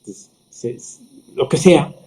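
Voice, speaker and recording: A middle-aged man, a surgeon, calmly explaining in a conversational interview, slowing down for emphasis. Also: slight background noise. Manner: calm, explanatory, slows down for emphasis. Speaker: surgeon and podcast guest.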